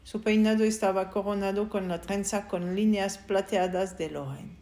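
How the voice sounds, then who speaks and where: A woman narrating a novel in first person as an audiobook, reading in a soft, subdued way. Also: mid-range voice, fairly even intonation, normal speed.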